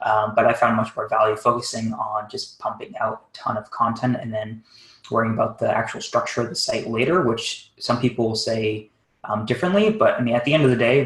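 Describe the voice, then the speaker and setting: Man, low flat voice, quick casual webinar talk, lots of fillers, echoey room. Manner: fast, casual, thinking aloud with many fillers. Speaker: SEO consultant. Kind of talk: live webinar screen-share audit.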